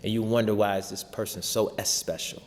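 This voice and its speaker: A show host and spiritual teacher delivers an impassioned, sermon-like talk in informal vernacular, leaning on rhetorical repetition. His lowish voice moves fairly quickly with fairly even intonation, and the recording carries a long, hall-like reverb.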